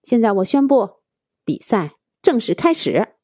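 A woman's voice: a little high, sing-song, measured pace, dark tone, breathy edge, no echo, clean studio sound, heavily acted. A woman voicing a bossy young woman who taunts and gives orders in a storybook tale. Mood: domineering. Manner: taunting, commanding.

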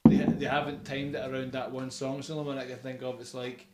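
A man's voice: mid-range voice, flat delivery, fast talker, very noisy. Rambling young man in an echoey room. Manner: rambling, enthusiastic, many fillers. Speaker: podcast host. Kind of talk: casual chat about music.

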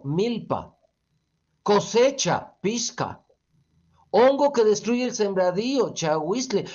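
A Mexican man, a guest expert, explaining with lively, teacherly, playful talk and rhetorical questions. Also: high-pitched, lo-fi sound.

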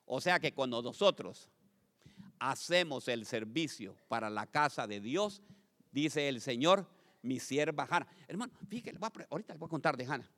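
A man preaching a lively sermon to his congregation as pastor, swinging from loud calls to quiet asides and asking the crowd questions. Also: mid-range voice, moderate pace. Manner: addresses congregation as brothers, asks questions.

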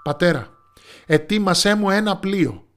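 A man's voice: high-pitched, animated, pitched above the performer's own voice. A man voicing a brave, bossy young princess in rags from a fairy tale, speaking firmly. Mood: commanding. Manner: firm, commanding speech.

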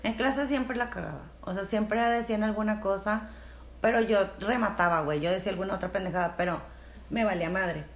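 A woman's voice: medium pitch, brisk. Young mexican woman, slangy, cussing a lot, sounds kinda roomy. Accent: Mexican Spanish. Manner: slangy, swears freely, storytelling. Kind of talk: casual chat.

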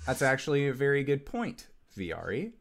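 A man plays an exasperated boss in a tabletop game. His middle-pitched delivery is formal and measured, with polished customer-service politeness laid over pointed irritation. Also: wildly swooping pitch, vocal fry, fairly bright tone, exaggerated voice. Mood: controlled exasperation.

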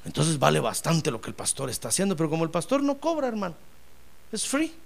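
A man preaching a sermon as pastor, joking with listeners as brothers and swelling into loud cries of praise before dropping to quiet asides. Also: fairly high pitch, huge pitch swings, fast, gravelly. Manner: humorous, addresses listeners as brother.

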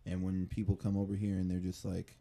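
A man's voice: low-pitched, completely flat delivery, fairly quick, vocal fry, warm tone. A man hosting a podcast, rambling in casual chat, laughing often and swearing freely. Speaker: podcast host.

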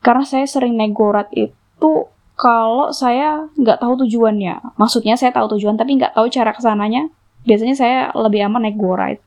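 A woman's voice: fairly high pitch, normal speed, a little mellow. A young woman vlogger telling a personal story in a casual, chatty way, full of fillers and little laughs.

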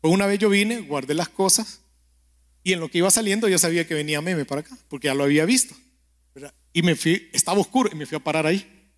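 In a fairly high voice, this preacher offers a sermon and prayer in a conversational style, weaving in stories and addressing the listener directly. He frequently tosses in a quick question, "¿verdad?", to check in.

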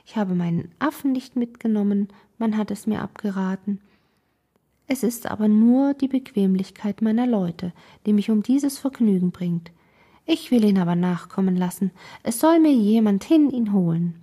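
A woman voicing a capricious, imperious young noblewoman in an audiobook, with a breathy, mellow voice. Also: lively intonation, moderate pace. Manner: bossy, wheedling, high-spirited. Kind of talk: audiobook character reading.

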